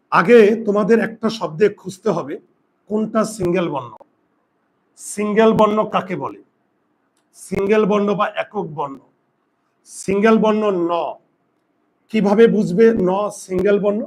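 A male grammar teacher gives a classroom lesson on pronunciation at normal speed, pausing often. He asks his students questions and answers them himself, sometimes dropping to a low, quiet voice for asides.

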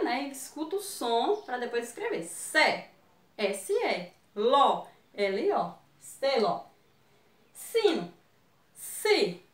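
A Brazilian woman teaching small children, her fairly high voice moving at an unhurried, careful pace. She sounds out syllables and letters one by one with patience. She is recorded from a distance in an echoey room. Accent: Brazilian Portuguese. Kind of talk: online lesson for young children.

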